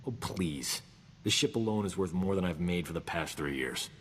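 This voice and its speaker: A man's voice: low-pitched, lively intonation, normal speed, long reverb tail, a little hiss or hum. An actor playing a boastful, roguish male doctor in a video game, talking in a cocky, flippant, self-important way. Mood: wry. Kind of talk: video game character dialogue.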